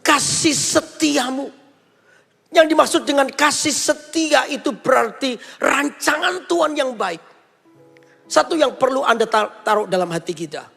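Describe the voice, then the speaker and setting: High, gravelly-voiced man preaching a sermon. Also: lively intonation, normal speed, a bit bright, big-room sound, faint music behind. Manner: emphatic, calls the congregation to say amen; passionate storytelling in a personal testimony.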